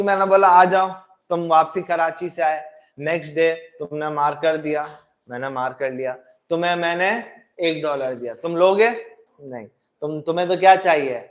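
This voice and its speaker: A man teaching economics to a class, asking repeated questions and mixing in English. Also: a little high. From Pakistan. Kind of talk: classroom lecture.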